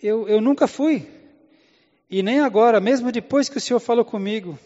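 A man's voice: very high-pitched, normal speed, warm tone, voice pushed up. A preacher acting out Moses as a timid, self-doubting man who pleads and stammers. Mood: hesitant. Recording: echoey hall, dull lo-fi sound.

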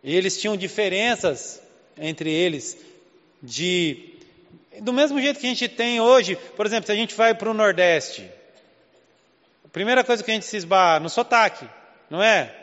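Preaching in a large church hall, the pastor speaks at normal speed with frequent pauses, his high, fairly bright voice lively in intonation. He is from Southeast Brazil, with the matching Portuguese accent, and poses many rhetorical questions in a conversational style, though the recording is muffled.

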